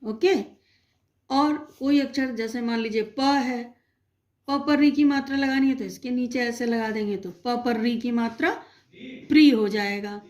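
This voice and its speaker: A woman teacher slowly and patiently explaining a Hindi phonics lesson to young children, asking them questions as she goes. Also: a little high, darkish tone. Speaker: primary school teacher.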